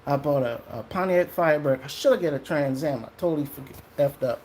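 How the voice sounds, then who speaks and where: A man telling a personal story in a casual, animated monologue. He swears freely and acts out what other people said. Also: a little high, fairly quick, slight background noise. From Trinidadian family in the US.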